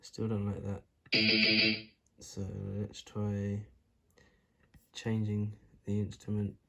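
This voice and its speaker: A man's voice: on the low side, monotone, takes it slowly, creaky, mellow, low-quality recording. Man teacher with W-like R's. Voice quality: cannot pronounce R's properly, R sounds like W. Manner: informal, thinking aloud while working. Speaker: music teacher. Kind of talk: informal screen-recorded tutorial, demonstrating step by step.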